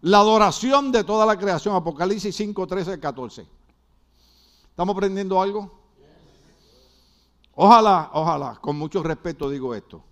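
A man preaching a sermon, joking with the congregation and breaking into shouts. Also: fairly high pitch.

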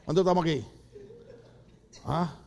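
An older Puerto Rican man preaches a sermon in church, telling comic stories with acted-out voices in an animated way. His voice is a little high and creaky, with a moderate pace.

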